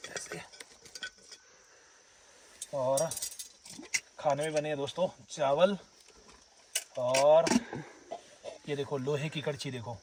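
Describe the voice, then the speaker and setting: Himachali male vlogger, chatty and friendly, slightly high voice, outdoor camera mic at a distance. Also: a little mellow. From Himachal Pradesh, India. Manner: chatty, addresses viewers as friends and brothers. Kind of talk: casual vlog narration. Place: outdoors at a forest herders' camp.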